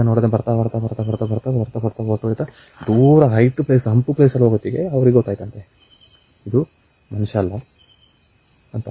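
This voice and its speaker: A man telling a ghost story and exploring an abandoned house at night for his vlog, repeating words and shouting "hey" when something moves. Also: mid-range voice, breathy edge, low-quality recording. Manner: repetitive storyteller, excited calls of "hey" when startled. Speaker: vlogger exploring a haunted house. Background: crickets and insects.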